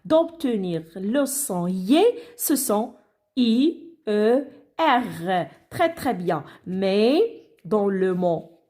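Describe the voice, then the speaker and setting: A woman's voice: mid-range voice, very animated, drawn-out words, warm tone. A woman teaching a reading lesson to children, patiently asking questions and praising the answers.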